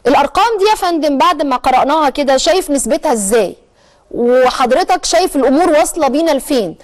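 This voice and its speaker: A woman with an Egyptian accent hosting a televised current-affairs show, explaining at length with frequent drawn-out hesitations. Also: high-pitched, animated. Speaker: TV talk show host.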